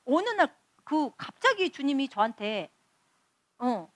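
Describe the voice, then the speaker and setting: A woman's voice: sits high, sing-song, slow pace, no echo. A woman missionary preaching a testimony sermon, telling stories and acting out dialogue with animation.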